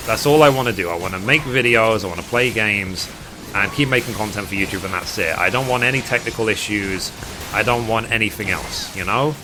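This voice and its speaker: The audio is poor, and this British gaming streamer speaks briskly in a fairly low voice while music plays behind him. He chats casually with viewers in a long, rambling way, reading chat aloud and answering.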